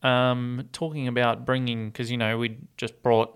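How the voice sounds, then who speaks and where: A man's voice: mid-range voice, level tone, normal speed, smooth. A man with an Australian accent hosting a casual rugby league show in a matey, colloquial way. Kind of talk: casual sports chat.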